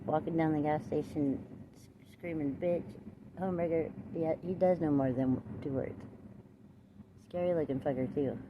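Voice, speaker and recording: Agitated low-voiced woman, swearing outdoors. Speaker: vlogger. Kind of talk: rambling casual monologue. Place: outdoors near a road. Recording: muffled recording with loud traffic noise.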